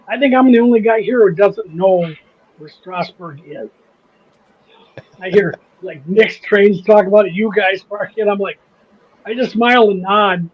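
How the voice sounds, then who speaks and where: A man's voice: high voice, measured pace, husky, highs cut off. A man with a Midwestern accent hosting a casual livestream chat, rambling, restarting sentences and laughing easily. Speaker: host of a model railroad channel.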